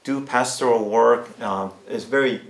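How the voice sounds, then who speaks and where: A man with a Korean American accent, a pastor answering informally and haltingly, mixing Korean words into his English. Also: mid-range voice. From United States. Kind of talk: informal interview answer in church. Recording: roomy echo.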